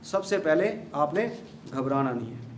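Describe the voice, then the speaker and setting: A man's voice: a little high, animated. A man teaching grammar to a class, repeating key points patiently and encouraging his students. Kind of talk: classroom lecture. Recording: echoey room, faint background hum.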